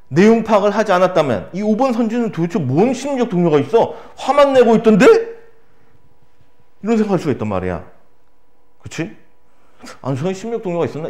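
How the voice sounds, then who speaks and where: A man's voice: high-pitched, a little mellow. A man teaching a literature exam lesson, asking the class rhetorical questions and acting out quoted lines. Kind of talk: exam prep lecture.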